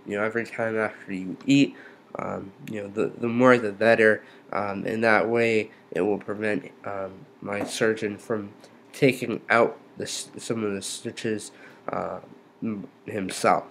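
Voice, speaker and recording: A man giving a casual, hesitant update, his articulation slightly impeded by a numb lower jaw and lip after jaw surgery. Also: steady tone, creaky, fairly bright tone. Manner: halting, hesitant delivery. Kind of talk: casual unscripted update talk. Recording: noticeable background noise, room ambience.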